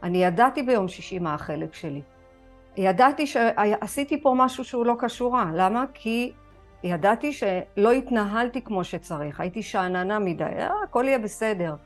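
A woman's voice: medium pitch, animated, faint music behind. A woman with an Israeli accent leading an online recovery group, telling a personal story with feeling and acting out her own prayers and conversations. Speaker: spiritual recovery group facilitator. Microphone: video call.

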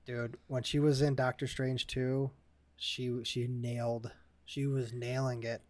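A man's voice: mid-range voice, level tone, a little slow, a little mellow, no room sound. A man in his thirties co-hosting a casual movie podcast, laid-back and agreeable, often laughing. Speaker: podcast co-host.

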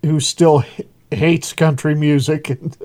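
Relaxed chuckling man with a higher voice. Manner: relaxed, chuckling, halting restarts. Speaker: interview host. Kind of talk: casual interview talk.

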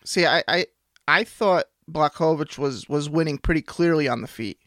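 A man's voice: on the high side, normal speed, fairly bright tone, no room sound, clean studio sound. A man co-hosting a sports podcast in casual chat, easygoing with hesitant restarts. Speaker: podcast co-host.

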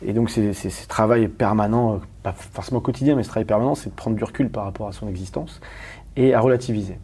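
A man from Paris, a guest talking candidly in an interview, rapid and emphatic with many restarts and questions to the listener. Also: on the low side, warm tone, husky. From Paris, France.

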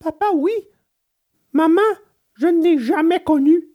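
A man voicing a frightened wooden puppet boy who pleads in a very high, tearful voice. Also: a little slow, warm tone. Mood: polite.

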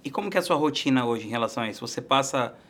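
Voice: medium pitch, expressive, racing, a bit bright. An interviewer who asks brief questions and gives short backchannel replies.

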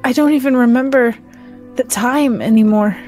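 A woman's voice: on the high side, moderate pace, darkish tone, soft background music, voice pushed up, close to an everyday voice. A woman voicing an adult woman warrior who wields an axe, speaking in an emotional, pleading way. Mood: tearful.

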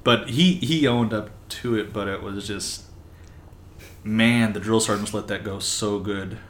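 A man in casual chat, telling relaxed, rambling anecdotes with fillers like "uh". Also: fairly low pitch, unhurried, reverberant, a little hiss or hum.

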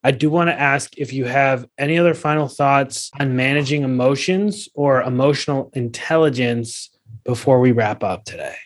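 A man hosting a podcast, asking measured, polite questions and closing the show. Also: medium pitch. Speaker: podcast host.

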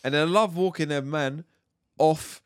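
A British man co-hosting a podcast, chatting casually and teasing with quick jokes. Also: on the high side, clear, resonant tone, dry recording, clean studio sound. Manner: joking, teasing, quick to laugh. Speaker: podcast co-host. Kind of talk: casual chat.

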